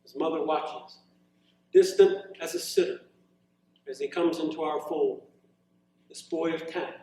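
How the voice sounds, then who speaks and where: Reading his poems to a gathering in an echoing college room, a man keeps the verse measured and drops in loose, hesitant remarks along the way. His fairly high voice has a steady, darkish tone and sounds heavily reverberant, captured well away from the microphone.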